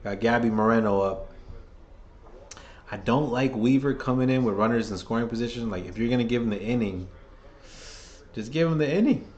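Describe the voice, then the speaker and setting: Hoarse New fan calling the game. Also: male voice, medium pitch, a little fast, long pauses, a little mellow, lo-fi sound, slight background noise. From New York. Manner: rambling, opinionated, restarts phrases often. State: hoarse, losing his voice. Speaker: fan livestream host doing play-by-play. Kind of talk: casual fan play-by-play commentary.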